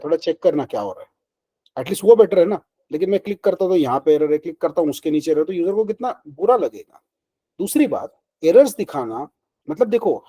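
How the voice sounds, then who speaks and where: On poor audio, a man with a high-sitting, dark voice runs a screen-recorded web development lesson. Blending Hindi with English, he poses his own questions and answers them, keeping it chatty with frequent "ठीक है" and "ना".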